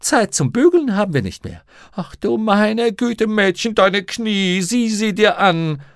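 A man's voice: high-pitched, big pitch swings, unhurried, dry recording, voice pushed up, exaggerated voice. A male audiobook reader voicing a strict, nagging middle-aged housekeeper woman in a dry, close recording. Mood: scolding. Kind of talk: audiobook reading.

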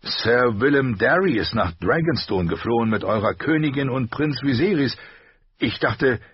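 A man voicing a grave, loyal knight commander who speaks slowly and solemnly. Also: medium pitch, animated, slightly rough, dry recording, highs cut off, voice pushed up.

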